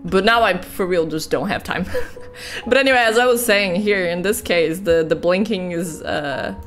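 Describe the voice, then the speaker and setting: A woman's voice: lowish voice, normal speed, a bit bright, faint music behind. A tired, yawning woman giving casual, rambling commentary while she plays a game, swearing casually and laughing often. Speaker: let's play gamer.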